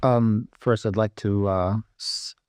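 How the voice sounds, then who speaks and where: A man's voice: fairly low pitch, steady tone, takes it slowly, darkish tone, smooth, dry recording, studio quality. A man from Bethlehem, speaking politely and hesitantly in a public debate, with frequent fillers. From Bethlehem, West Bank. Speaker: audience debater.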